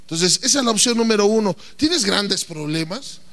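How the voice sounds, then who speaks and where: A man's voice: sits high, expressive, normal speed, fairly bright tone. A man preaching a playful, theatrical sermon and often throwing questions at the congregation. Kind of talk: lively sermon.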